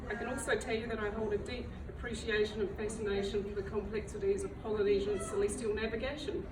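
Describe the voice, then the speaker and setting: Speaking quickly in a mid-range voice with fairly even intonation, a New Zealand woman who directs a library gives a public talk to an audience. She comes across as chatty and self-deprecating. She's far from the mic in a noisy, roomy space.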